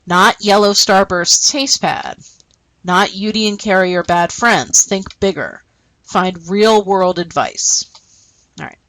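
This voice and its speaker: A woman's voice: mid-range voice, takes it slowly, fairly bright tone, no echo, rough recording. A woman teacher explaining a lesson and reading short stories aloud, often checking in with "okay?". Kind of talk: recorded classroom lesson.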